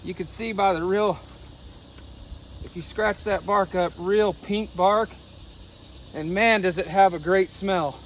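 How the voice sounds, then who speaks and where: A man's voice: high voice, steady tone, unhurried, a little hiss or hum. A man casually talking through a vlog outdoors at a farm, explaining things as he shows them. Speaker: firewood vlogger.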